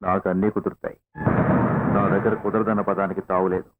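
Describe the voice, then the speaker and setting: A man's voice: low voice, little pitch movement, fast, background noise, natural voice. An actor playing a bullying man who gives orders and makes threats, in film dialogue. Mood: arrogant. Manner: commanding, menacing. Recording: tinny narrow-band film soundtrack with music.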